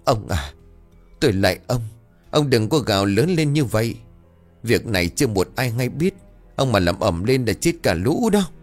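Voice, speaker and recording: A man's voice: mid-range voice, very animated, moderate pace, soft background music. A man voicing an anxious village wife and mother who speaks in a trembling, pleading way.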